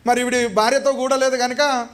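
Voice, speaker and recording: A male pastor preaching a sermon, telling a story in a lively way and putting questions to the congregation. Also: very high-pitched, a little fast.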